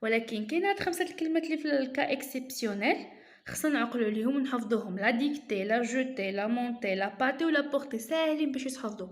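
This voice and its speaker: A woman's voice: a little high, expressive, very fast, roomy sound. A woman teacher with a Moroccan accent, explaining a lesson step by step and repeating key terms.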